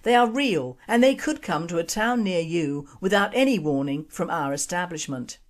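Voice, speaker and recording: A woman radio host reading scripted commentary and jokes in a measured, deliberate manner. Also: fairly low pitch, expressive.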